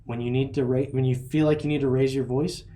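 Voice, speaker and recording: A man's voice: mid-range voice, fast. Rambling storytelling dad in his thirties. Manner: rambling, animated storyteller who laughs at his own stories. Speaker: podcast host. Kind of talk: casual chat.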